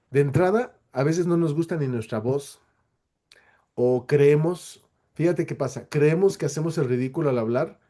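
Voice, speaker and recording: Mellow-voiced man explaining on a webinar. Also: medium pitch. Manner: explanatory, with frequent rhetorical questions and fillers. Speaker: webinar guest speaker. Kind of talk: answering audience questions in a webinar.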